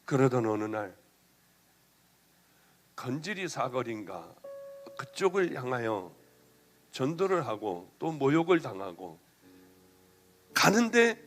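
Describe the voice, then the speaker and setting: A middle-aged male pastor giving an emotional sermon testimony, moving between loud passages and hushed ones. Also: mid-range voice, very animated, takes it slowly, long pauses, soft background music.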